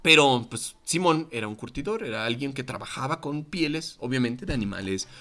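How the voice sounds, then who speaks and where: Animated Mexican man teaching Bible class. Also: mid-range voice, a little fast. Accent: Mexican Spanish. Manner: animated, acts out quoted voices. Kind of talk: Bible study lesson to a congregation. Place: church meeting room. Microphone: microphone.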